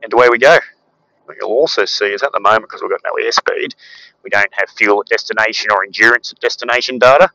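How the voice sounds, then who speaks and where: A man, a pilot calmly explaining the autopilot from the cockpit over a headset. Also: lowish voice, fast talker, highs cut off. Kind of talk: cockpit walkthrough narration. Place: small aircraft cockpit in flight.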